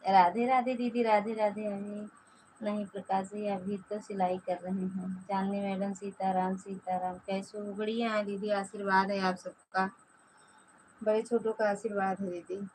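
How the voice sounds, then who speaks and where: A woman's voice: medium pitch, little pitch movement, unhurried, a little mellow, a little hiss or hum, low-quality recording. A woman from Pratapgarh with an Awadhi-tinged Hindi accent, hosting a casual live stream from home and greeting viewers one by one by name. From Pratapgarh, Uttar Pradesh, India. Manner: chatty, greets viewers by name, stretches out words.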